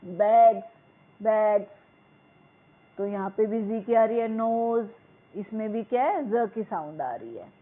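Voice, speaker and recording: A woman teacher explains a school English lesson. She reads the English lines slowly and word by word, then explains them in Hindi. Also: mid-range voice, very animated. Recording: tinny phone-like sound.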